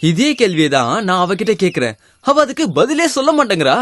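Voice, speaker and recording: An actor playing a frustrated young husband who threatens with a sickle and complains in a rapid, whiny way. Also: male voice, sits high, sing-song, fairly bright tone, dry recording. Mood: aggrieved. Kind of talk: film acting.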